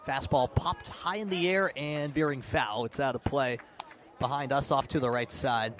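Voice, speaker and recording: At a moderate pace, a man with a mid-range, slightly bright voice calls the game on live radio outdoors at a ballpark or field. He gives a detailed account of the action, turning up the intensity for big plays, and the outdoor broadcast has faint background noise.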